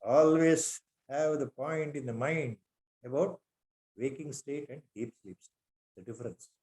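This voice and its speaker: A man's voice: medium pitch, a little slow, darkish tone, a little hiss or hum. A man with an Indian accent gives a spiritual discourse, reciting Sanskrit verses and asking repeated rhetorical questions. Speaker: spiritual teacher.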